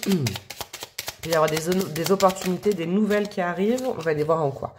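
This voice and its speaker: A woman's voice: on the low side, brisk, background noise. Chatty, affectionate woman reading tarot. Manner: chatty and affectionate, with frequent fillers and asides. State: sniffly from allergies. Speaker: tarot reader. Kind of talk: casual tarot reading to camera.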